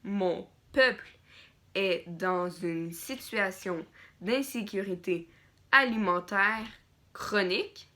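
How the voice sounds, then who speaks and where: A woman teacher dictating a school text phrase by phrase, deliberately repeating phrases and speaking the punctuation aloud. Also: medium pitch, bright, forceful tone.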